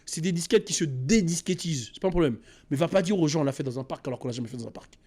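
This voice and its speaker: Man, high voice, casual storytelling, slangy, animated, repeats himself. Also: racing. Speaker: host.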